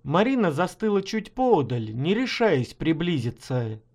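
A man narrating his own short story as an audiobook in a measured, expressive way. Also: fairly high pitch. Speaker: author reading his stories.

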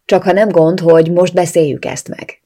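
A reader voicing a hesitant, evasive male family friend in an audiobook, speaking a little louder than the narration. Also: high voice, steady tone.

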